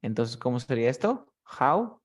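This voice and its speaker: A man's voice: mid-range voice, very animated, normal speed. Guy tutoring english on a video call, patient, keeps checking you got it. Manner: patient, explains step by step with many checks like "¿cierto?". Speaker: English teacher. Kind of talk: one-on-one English lesson.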